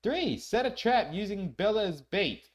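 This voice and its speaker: A man's voice: sits high, very animated, measured pace. A man chatting playfully as he reacts to a video. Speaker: reaction host. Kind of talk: casual reaction commentary.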